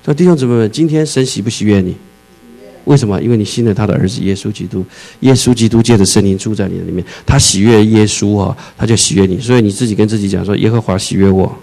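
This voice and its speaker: A male pastor preaching a sermon, reading scripture slowly, then joking and acting out scenes, with English words mixed into his speech. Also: lowish voice, creaky, poor audio. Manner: animated, shifts from slow scripture reading to lively jokes and shouting.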